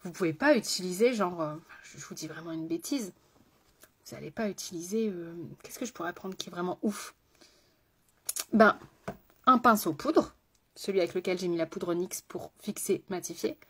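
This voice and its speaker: Chatty woman with a husky voice. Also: fairly low pitch. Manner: chatty, talks straight to viewers, rambling asides. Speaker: makeup artist. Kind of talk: casual live makeup tutorial.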